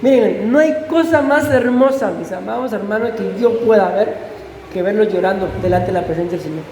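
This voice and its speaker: A man's voice: high-pitched, a little fast, a little mellow, a little hiss or hum. Man as pastor, fervent sermon, echoey hall with long reverb and faint ambience. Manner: fervent, addresses congregation with questions. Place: church sanctuary.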